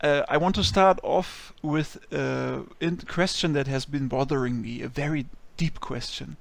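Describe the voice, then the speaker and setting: Guy doing a chill interview, kinda gravelly, dry close sound. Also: on the high side, fairly even intonation, unhurried, dry recording. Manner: friendly, hesitant questions with many ums. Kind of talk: casual interview.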